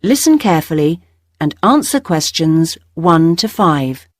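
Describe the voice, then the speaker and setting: Woman announcer reading test instructions, lowish voice, lots of pitch movement, dry. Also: very animated, no room sound. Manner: clear, measured announcing. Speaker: test narrator. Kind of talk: formal exam instructions.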